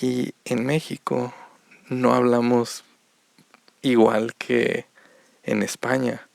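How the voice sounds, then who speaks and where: A Mexican man with a very gravelly, creaky voice teaches Spanish on a podcast. He takes it slowly and repeats each point with example after example. The recording is dry and close. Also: mid-range voice, little pitch movement, no room sound. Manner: slow, repetitive explanations with examples. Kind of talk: podcast lesson for learners.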